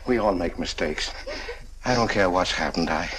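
A man's voice: deep voice, moderate pace, a bit bright, a little hiss or hum, poor audio. An actor playing a lovesick middle-aged man in a 1940s film, stammering and pleading.

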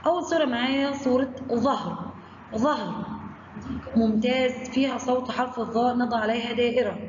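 A woman with an Egyptian Arabic accent teaching young children a phonics lesson, talking to them directly and stretching out syllables. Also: fairly high pitch. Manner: slow drawn-out syllables, addresses children directly. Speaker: primary school teacher. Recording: echoey room, dull lo-fi sound, faint noise.

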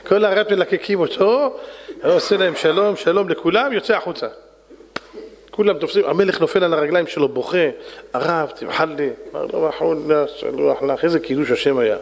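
A man's voice: on the high side, gravelly, long reverb tail. A man, a rabbi, telling a story in a sermon and acting out its characters in voices. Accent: Israeli Hebrew.

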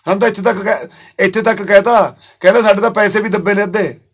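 Man, high-ish voice, rapid and insistent, radio prank caller who keeps accusing. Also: fairly even intonation, breathy edge. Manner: accusing and insistent, repeats himself. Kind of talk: staged prank phone call.

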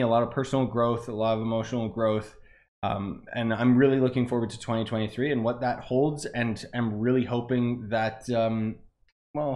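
A man rambles through a casual gaming vlog in an easygoing, filler-heavy way. His voice sits at an ordinary middle pitch. It bounces with heavy echo and reverb, as if recorded in a big, bare room. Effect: echoey reverb in the room. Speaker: gaming YouTuber.

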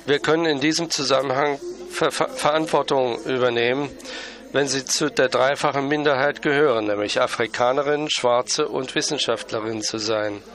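A man interpreting a conference talk live, halting often with fillers and restarts. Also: medium pitch, fairly even intonation, a bit bright.

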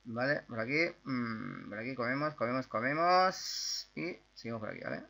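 A young man from Spain with a Spanish accent, chatting his way through a video game with excitable outbursts and repeated words. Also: mid-range voice, normal speed, gravelly. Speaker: gaming YouTuber. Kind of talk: casual gameplay commentary.

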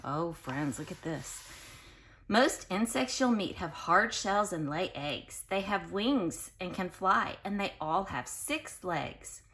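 A woman reads a picture book aloud to young children the way a teacher would, expressive and carefully spoken, with explanatory asides and questions. Her voice is fairly low, and she reads at a slow pace.

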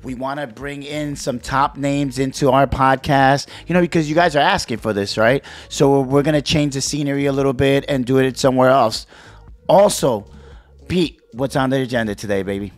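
A man hosting a casual podcast from a small studio, lively and tagging his sentences with "right?". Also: medium pitch, normal speed, no echo. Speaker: podcast host.

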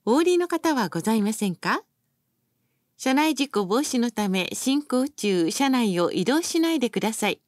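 In this set of bus announcements, a woman speaks at a normal speed in a fairly high voice that rises and falls melodically. Her delivery is courteous, formal and carefully articulated. The recording is dry and close, with almost no room sound.

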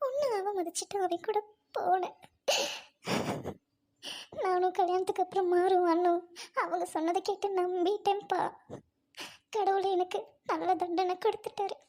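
A woman's voice: very high-pitched, fairly even intonation, normal speed, long pauses, warm tone. A woman playing a grieving young widow, speaking in a sorrowful, pleading way as amateur drama acting.

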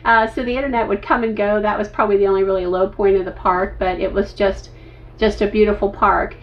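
Bubbly 50s lady chatting in her camper, a bit far from the mic, kinda dull sound. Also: brisk. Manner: bubbly, bursts into high excited squeals. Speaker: RV vlog co-host. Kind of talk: casual chat. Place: inside an RV, seated at table. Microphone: camera a few feet away. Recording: slightly distant, dull sound.

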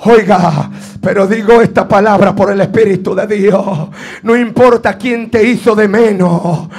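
A man preaches a fervent Pentecostal sermon in a strained voice, exhorting his listeners and insistently repeating phrases. His voice is high with a darkish tone, a steady delivery, and a moderate pace. Faint music plays in the background.

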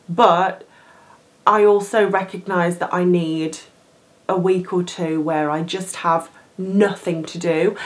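Chatty young woman, low voice. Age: young adult. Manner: chatty, animated, laughs often. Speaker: cruise ship crew vlogger. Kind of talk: casual Q&A to camera. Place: indoors, plain room.

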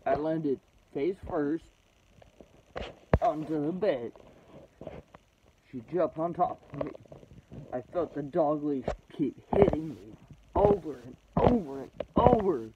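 A man in his twenties telling a personal story, blunt and halting, swearing often, with strong emotion. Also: sing-song, creaky. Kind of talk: personal testimony to camera. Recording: dull low-fi recording with background noise.

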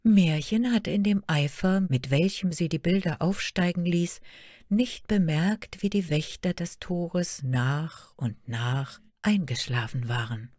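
A woman reading a fairy tale aloud as a storyteller, measured and expressive. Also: lowish voice, no room sound, studio quality.

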